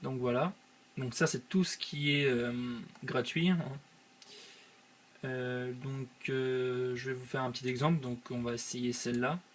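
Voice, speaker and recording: A man's voice: mid-range voice, fairly even intonation, a little slow. Young guy doing a screen tutorial, lots of umms, faint hiss behind him. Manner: hesitant, many filler sounds. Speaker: channel host. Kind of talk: screen-recorded software tutorial.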